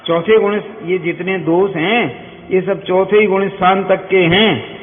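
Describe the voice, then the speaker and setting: High-voiced man teaching scripture, tinny hall. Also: fairly even intonation. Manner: keeps asking listeners quick questions; explains by everyday examples. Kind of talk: scripture discourse to listeners. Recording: tinny, echoey hall with faint hiss.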